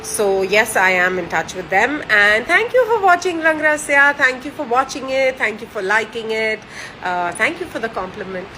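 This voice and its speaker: An Indian actress in her thirties answers fan questions in a casual, warm and cheerful chat, using frequent fillers and restarts. Her voice is fairly high and animated, at a moderate pace, over a noisy background. Her first language is Gujarati or French, not Hindi.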